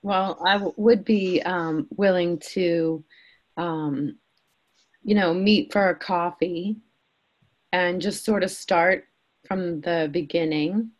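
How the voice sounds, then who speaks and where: A middle-aged woman taking part in a mediation as a mother, speaking in a measured, hesitant way with many fillers. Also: fairly low pitch, steady tone, lo-fi sound. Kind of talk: mediation dialogue.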